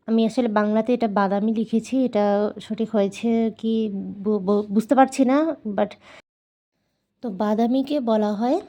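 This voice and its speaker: Slow-talking Bangladeshi woman teaching. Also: fairly high pitch, warm tone. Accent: Bangladeshi Bengali. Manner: slow, repeats words for practice. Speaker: Korean language teacher. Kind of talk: casual video lesson.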